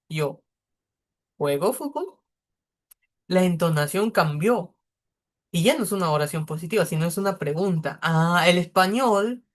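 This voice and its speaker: Man teaching a beginner English lesson. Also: fairly high pitch. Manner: patient, explains step by step.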